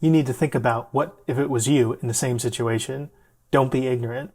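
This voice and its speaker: A man's voice: mid-range voice, fairly even intonation, brisk, darkish tone, close to an everyday voice. A man voicing an angry older woman who scolds a stranger in a stern way. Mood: scolding.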